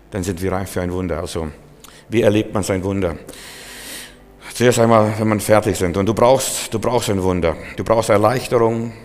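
German guy preaching, lowish voice, big echoey church hall, tells stories with lots of punch. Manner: lively, anecdotal, emphatic preaching. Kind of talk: sermon.

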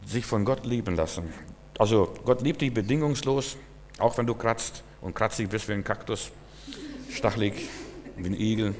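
A man's voice: on the low side, normal speed, slight background noise. A man preaching a sermon in German, earnest and repetitive, speaking straight to the listener. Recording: long reverb, hall.

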